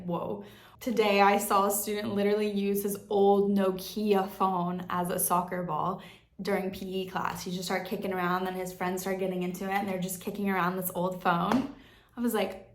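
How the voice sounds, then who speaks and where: A young American woman telling her channel what surprised her abroad, chatting casually and filling her talk with "like". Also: medium pitch. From United States. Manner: chatty, lots of "like" fillers. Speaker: vlogger. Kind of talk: casual vlog chat. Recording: echoey room.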